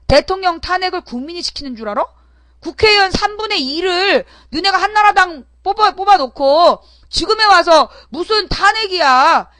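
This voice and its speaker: A woman's voice: sits high, bright, forceful tone, no echo. A woman hosting her own internet talk show, talking alone in a brash, combative way, with rhetorical questions and swearing, sometimes acting out her opponents. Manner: acts out voices of opponents in her stories. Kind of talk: solo political talk broadcast.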